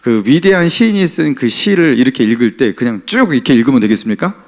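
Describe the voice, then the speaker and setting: Preaching a Sunday sermon in a conversational, sing-song manner, a male pastor talks fast and chuckles now and then. He frequently questions the congregation, and his voice alternates between emphatic, raised lines and soft, low asides.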